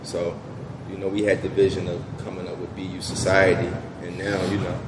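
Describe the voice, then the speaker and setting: A young man talks through his story in a relaxed, filler-heavy way. His voice sits low and stays flat in pitch. The recording is roomy with a long echo and steady hum behind him. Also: brisk. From Southwest Philadelphia. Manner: laid-back, many fillers like "you know". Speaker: business owner guest. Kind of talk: casual interview answers. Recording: echoey room with background noise.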